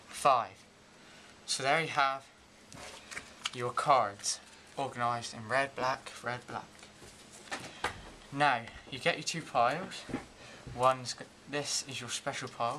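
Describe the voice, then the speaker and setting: A young man in his teens giving an informal, halting step-by-step card trick tutorial in amateur magician patter. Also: medium pitch, background noise. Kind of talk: informal step-by-step demonstration and explanation. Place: indoors at a table and whiteboard.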